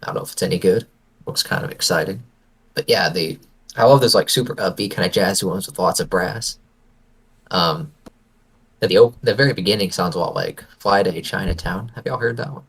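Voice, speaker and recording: A man's voice: sits low, a little fast, creaky, fairly bright tone, breathy edge. A man co-hosting a podcast in casual chat, playful and teasing. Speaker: podcast co-host.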